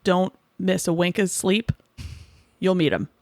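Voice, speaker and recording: Teasing woman podcaster with quick quips. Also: lowish voice, a little mellow, no echo. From Boston suburbs, USA. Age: 40s. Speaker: podcast co-host. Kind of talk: sarcastic comedic chat.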